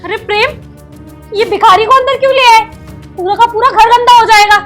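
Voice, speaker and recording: A woman's voice: very high voice, fairly quick, a bit bright, faint music behind. A young woman playing a rude, snobbish fiancée who talks with scorn and insults. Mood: sneering.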